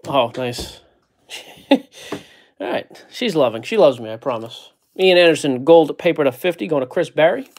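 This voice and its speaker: At an indoor card-breaking table, a man hosts a card break, joking casually as he reads player names from the packs. His voice sits on the high side, with an expressive, darkish tone at a normal speed.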